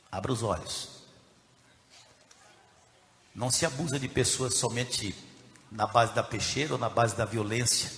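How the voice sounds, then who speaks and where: A Brazilian man preaching a sermon as pastor, dropping from low, quiet reading into loud, shouted preaching. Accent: Brazilian Portuguese. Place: church hall. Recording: echoey hall with long reverb.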